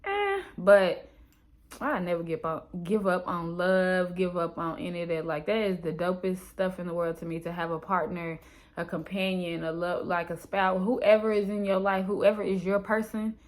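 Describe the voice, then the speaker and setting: Woman, American accent, low voice, expressive, slangy, casual journal-reading vlog. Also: normal speed. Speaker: vlogger.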